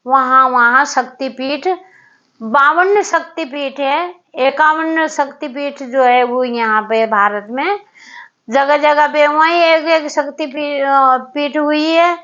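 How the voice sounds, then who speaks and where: A woman tells a devotional story in a relaxed, casual way. Her voice sits high and she talks slowly, stopping on fillers and going back over her words. The recording is dull and lo-fi. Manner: unhurried and halting, with many fillers and repeated words.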